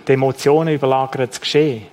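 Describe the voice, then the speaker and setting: A man's voice: medium pitch, steady tone, quick pace, darkish tone, a little hiss or hum. A man with a Swiss German accent preaching a sermon in an earnest way, often repeating key phrases for emphasis.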